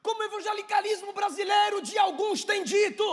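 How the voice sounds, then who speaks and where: A man with a Brazilian Portuguese accent preaching a sermon, swinging from hushed storytelling to shouted preaching. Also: extremely high pitch, fairly quick. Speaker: pastor.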